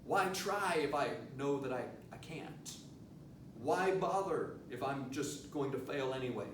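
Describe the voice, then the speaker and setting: A man giving an earnest, emphatic motivational lecture to students, leaning on rhetorical questions. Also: moderate pace. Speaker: motivational speaker, teacher addressing students. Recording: echoey room, distant mic, low rumbling noise.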